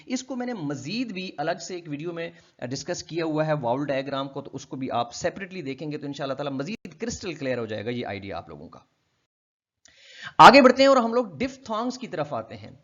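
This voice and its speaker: A man from Pakistan lecturing on phonetics, explaining a textbook chapter, asking and answering his own questions and drawing out sample sounds slowly. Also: fairly high pitch, fairly bright tone. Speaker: linguistics lecturer. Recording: dull lo-fi lecture recording.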